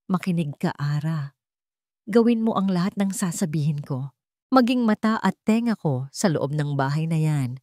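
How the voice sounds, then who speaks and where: A woman with a Filipino accent voices a menacing male blackmailer making threats and commands over the phone in a story. Her voice sits low and sounds mellow, with lively intonation at a normal speed. The studio-quality recording has no room sound.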